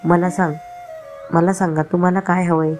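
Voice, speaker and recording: A woman's voice: lowish voice, level tone, moderate pace, darkish tone, faint music behind, close to an everyday voice. A woman voicing a young wife who coaxes and soothes her sulking husband in a story reading. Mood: coaxing. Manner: coaxing, affectionate.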